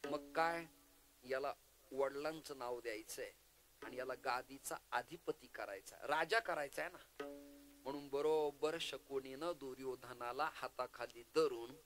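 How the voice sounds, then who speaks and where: A man preaching a devotional kirtan sermon, lively and humorous, quizzing his audience. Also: medium pitch, a little slow, faint music behind.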